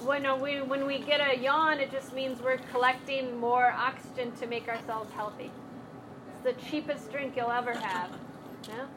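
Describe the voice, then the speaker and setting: Casting: woman yoga instructor, high voice, slow unhurried cues, live class with faint room hum. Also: flat delivery. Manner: encouraging, playful cueing of breath and movement.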